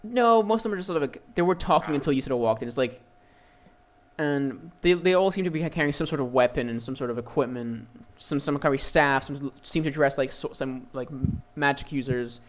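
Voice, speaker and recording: A man's voice: medium pitch, brisk. A young man running a tabletop game as dungeon master, narrating with many fillers and restarts.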